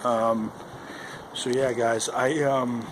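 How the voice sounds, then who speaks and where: Male vlogger, mid-pitched, rambling casual talk, recorded outside with clear wind noise over a handheld camera. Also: level tone, very slow. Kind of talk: casual vlog chat to camera. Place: outdoors in the cold wind. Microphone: handheld camera at arm's length. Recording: windy outdoor recording, loud wind noise. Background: howling wind noise.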